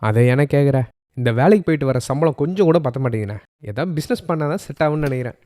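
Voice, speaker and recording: A man's voice: on the high side, expressive, racing, dark tone, no echo, studio quality, natural voice. A man playing a young, wheedling schemer in a comedy sketch. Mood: hopeful. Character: scheming young slacker pitching get-rich plans.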